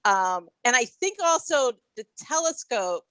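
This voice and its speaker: A woman co-hosting a podcast, reviewing an episode in casual chat, thoughtful and halting with many ums and restarts. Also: a little high, expressive, sharp tone, no echo. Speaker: podcast co-host.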